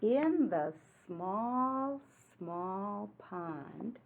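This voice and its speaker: Her mid-range voice is gravelly, with lively intonation, as she reads a picture book to little kids. The teacher keeps things simple, asks frequent questions, explains along the way, and stresses the rhymes, all heard through thin, muffled, phone-like sound.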